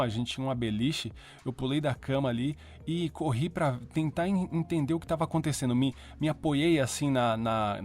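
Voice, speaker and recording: A man's voice: medium pitch, darkish tone. A man with a Brazilian Portuguese accent, a podcast host giving a personal religious testimony in an earnest, reflective storytelling manner.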